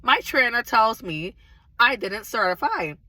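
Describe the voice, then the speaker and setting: A vlogger shares her faith testimony straight to viewers, earnest, casual, and emphatic, her voice raspy and slightly hoarse as she recovers from illness. The tone is bright and forceful, a little high and very animated, at an unhurried pace. The audio is close and dry with no room echo.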